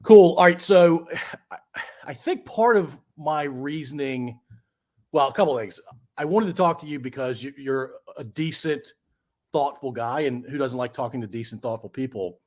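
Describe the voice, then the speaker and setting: Speaking at normal speed with a medium-pitched, darkish voice, this Central Virginia man hosts a podcast in a friendly, casual way. He rambles a bit while leading into his questions, filling gaps with lots of "uh."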